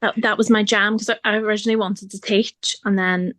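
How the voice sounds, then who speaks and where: A woman's voice: medium pitch, little pitch movement, a little fast, a bit bright, dry recording. Chatty woman, dry sound. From Northern Ireland. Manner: chatty and open, laughs often. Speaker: podcast guest. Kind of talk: casual chat.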